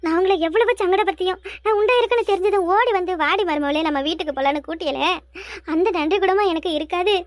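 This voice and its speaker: A woman's voice: sits high, fast talker, no room sound. A woman voicing a tearful, pregnant young daughter-in-law in a cartoon, speaking with a Kanyakumari Tamil accent in a wailing, pleading manner. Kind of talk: cartoon voice acting.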